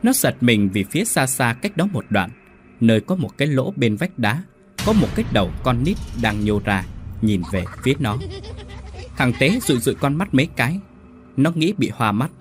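A man narrating a ghost story in a suspenseful, expressive scripted style. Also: mid-range voice, normal speed, faint music behind.

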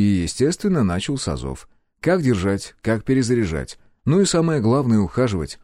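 A man narrates a first-person audiobook in a low, mellow voice. His delivery is calm and measured, yet his intonation moves a lot. The recording is dry and close. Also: no echo.

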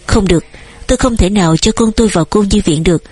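A woman's voice: mid-range voice, quick pace, darkish tone, husky, no room sound, natural voice. A woman reading a desperate young father. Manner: strained, anguished.

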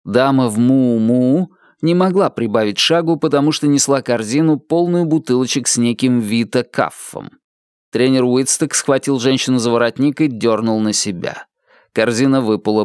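A man reading an audiobook with expressive, varied storytelling. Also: medium pitch, moderate pace, clear, resonant tone, no echo, studio quality. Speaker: audiobook narrator. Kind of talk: scripted audiobook narration.

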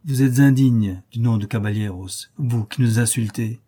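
A man's voice: mid-range voice, normal speed, dark tone, natural voice. A man voicing a proud young noblewoman who speaks with grave, slightly haughty dignity. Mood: dignified.

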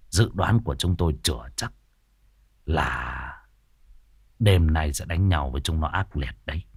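A man voicing a stern middle-aged male exorcist who speaks low and clipped. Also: breathy edge, dry recording, studio quality, full character voice.

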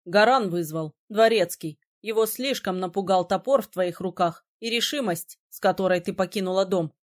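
A woman reading an audiobook, voicing a calm, teasing young male prince with a slightly lower, softer voice. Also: moderate pace, lightly acted.

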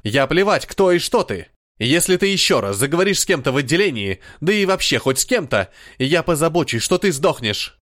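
A man voicing Ragen, a violent, hot-tempered male protector who snarls and shouts fast, in an audiobook. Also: on the high side, lively intonation. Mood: furious.

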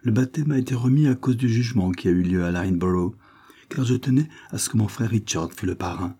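A man with a husky voice voicing a kind young wealthy wife who warmly insists that her governess stay. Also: lowish voice, brisk, voice pushed up. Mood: solicitous. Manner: warm, insistent, solicitous.

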